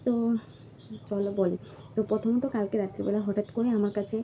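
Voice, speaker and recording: A woman's voice: mid-range voice, fairly even intonation, brisk. A woman vlogger from Assam talking casually to her viewers at home, hesitant and full of fillers and restarts. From Assam, India. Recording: slightly dull recording with faint background noise.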